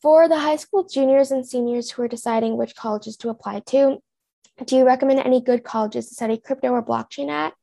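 A woman interviewing a guest, asking measured, clear questions. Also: sits high, mellow, no room sound.

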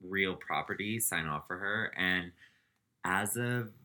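A man's voice: sits low, takes it slowly, sharp tone. A man co-hosting a podcast, recounting celebrity gossip in casual chat, laughing and saying "um" as he goes. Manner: laughs while telling, trails off with "um". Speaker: podcast co-host.

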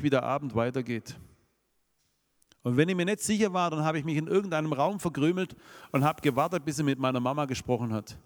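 Brief: male preacher, Swabian accent, middle pitch, sermon to a congregation, long hall reverb. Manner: rhetorical questions to the congregation.

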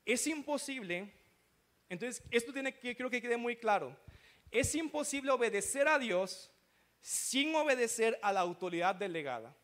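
Man, pastor, sermon, high voice, asks the congregation questions. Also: animated, moderate pace, fairly bright tone. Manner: preaching with rhetorical checks to the congregation.

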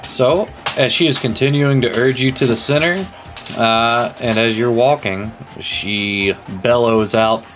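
A man's voice: medium pitch, a little slow, over music. A man narrating a tabletop role-playing game as game master in a casual style.

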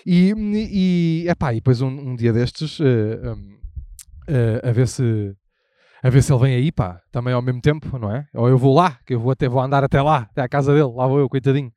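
A man's voice: medium pitch, brisk, warm tone, dry recording. A young man with a European Portuguese accent hosting a podcast, rambling casually and irreverently while walking down a street with a handheld mic, swearing freely and trailing off into asides. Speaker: podcast host. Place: outdoors on a city street.

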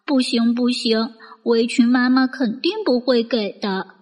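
Woman as an earnest little boy, high voice. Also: steady tone, unhurried, a little mellow. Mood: thinking aloud. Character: earnest, kind little boy who loves cats. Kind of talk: children's bedtime story character. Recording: long reverb with music bed.

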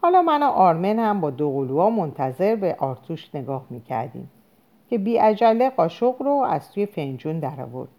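Expressive woman reading a novel. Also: on the low side. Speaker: audiobook narrator. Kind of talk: scripted narration.

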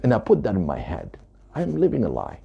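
Very deep gravelly man, emphatic. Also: huge pitch swings, fast talker, warm tone, lo-fi sound. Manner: emphatic, repeating points. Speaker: author. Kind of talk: talking to camera about his book.

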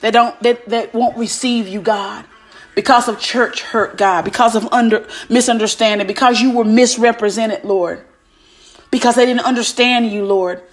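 High-voiced woman in fierce, commanding prayer. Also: fairly even intonation, moderate pace. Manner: fervent, commanding, declaring; repetitive, punctuating phrases with invocations of God. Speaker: preacher leading prayer. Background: music.

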